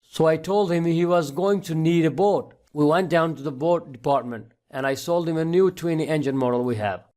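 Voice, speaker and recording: A man's voice: on the high side, normal speed, few pauses, dark tone, natural voice. A man voicing a young small-town salesman who explains things matter-of-factly in a told story. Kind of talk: storytelling dialogue.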